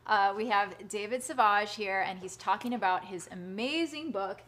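A woman hosting a live social-media conversation, talking fast and in a bubbly way. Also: medium pitch, fairly bright tone. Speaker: host.

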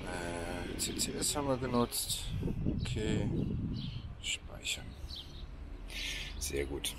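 A man's voice: deep voice, sing-song, slow. A man in his thirties casually vlogging outdoors at a car park charging station, filming himself with a phone held at arm's length and chattily explaining what he sees. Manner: chatty, explaining while walking around outdoors. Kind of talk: casual vlog narration. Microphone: phone camera at arm's length. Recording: loud outdoor background noise.

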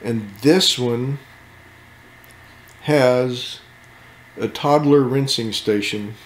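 A man's voice: medium pitch, drawn-out words, echoey room. A man casually walking through a camper as an RV channel host, joking and laid-back in his asides. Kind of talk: casual walkthrough commentary. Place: inside a camper at an RV show.

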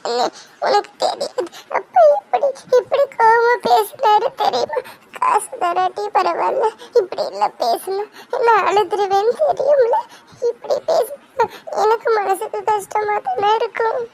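A woman's voice: very high voice, normal speed, vocal fry, long pauses, background noise. A woman voicing a tearful young college girl who sobs and pleads with her older brother. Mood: sobbing. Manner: sobbing, pleading. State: crying. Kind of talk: cartoon voice acting.

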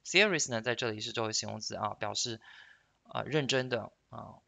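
Male English teacher, clear bright timbre, patient explainer who models phrases slowly for practice. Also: on the low side. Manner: sentences end in soft drawn-out particles. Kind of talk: explanatory language lesson.

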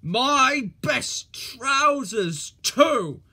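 A reader voicing a stern, portly railway boss in a storybook, scolding loudly. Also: high-pitched, animated, extremely slow, husky, voice pushed up, full character voice. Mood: cross. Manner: loud, cross and scolding. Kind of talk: storybook reading.

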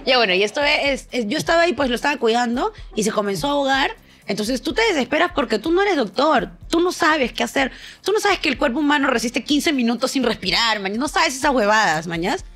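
A woman's voice: sits high, expressive, fairly quick, fairly bright tone. A young woman co-hosting a comedic podcast, telling stories animatedly, acting out voices and laughing often. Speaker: podcast co-host. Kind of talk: casual comedic chat.

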